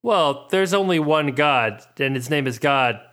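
A man co-hosting a comedy podcast, reading from an adventure book and trading deadpan quips. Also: fairly high pitch, a little slow. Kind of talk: casual chat and read-aloud narration.

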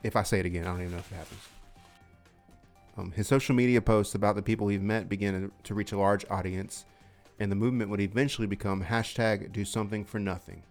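A man's voice: lowish voice, steady tone, fast, faint music behind. A man hosting a casual comedy podcast, rambling, laughing easily and swearing. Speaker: podcast host.

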